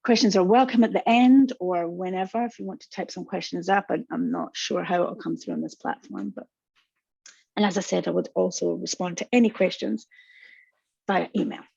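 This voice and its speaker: A Scottish counsellor with a strong accent gives a webinar, speaking warmly and reassuringly straight to her audience. Her voice is lowish, animated and a bit rough, with vocal fry and a moderate pace. The lo-fi webinar audio sounds dull and dry, with no echo.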